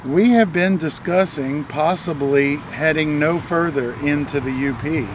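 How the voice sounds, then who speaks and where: Male RV vlogger, slightly high voice, candid and reflective; casual talk to camera. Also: measured pace, background noise. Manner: candid, reflective, soft-spoken asides. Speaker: RV travel vlogger.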